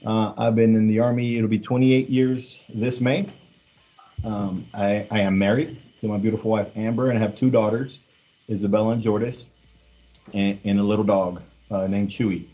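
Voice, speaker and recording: A man in his forties, an army command sergeant major, leading a casual group talk, halting with many fillers and restarts. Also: lowish voice, steady tone, warm tone, rough recording. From born in Mexico, raised in Los Angeles. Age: 40s.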